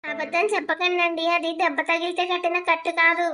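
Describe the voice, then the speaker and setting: An actress voicing a gentle young wife in a cartoon family drama, speaking softly to her husband. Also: extremely high pitch, level tone, brisk, soft background music. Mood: tender.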